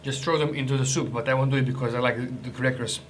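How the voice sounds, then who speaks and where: Brief: young man, mid-pitched, chatty and jokey food vlogger, faint noise behind. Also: steady tone, very fast. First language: Croatian. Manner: chatty, joking, restarts and hesitations. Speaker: ration reviewer. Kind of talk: casual food review vlog.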